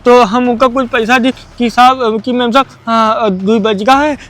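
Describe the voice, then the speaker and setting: A man's voice: very high-pitched, steady tone, unhurried, fairly bright tone. A man playing a poor village security guard who stammers and pleads in rustic speech. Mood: distressed.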